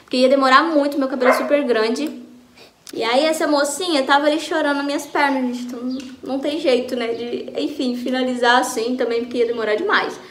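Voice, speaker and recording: Chatty high-voiced Brazilian woman vlogging. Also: fairly even intonation, a little fast. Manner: chatty, enthusiastic. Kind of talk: casual beauty vlog. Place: home, bathroom then by a window. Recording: echoey room with faint noise.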